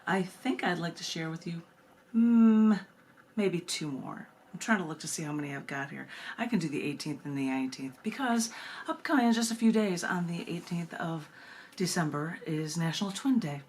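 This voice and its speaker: At a book reading she hosts, a woman poet recites her poetry and chats about it between pieces, phrasing things emphatically. Her voice is lowish and darkish in tone, animated, at a normal speed. Background noise is clearly audible.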